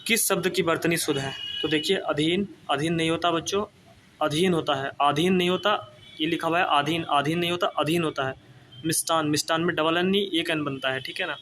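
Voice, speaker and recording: A man's voice: fairly high pitch, steady tone, fairly quick, a bit bright, slight background noise. A man running an exam-prep spelling lesson, repeating each word several times and checking in with his students as he goes.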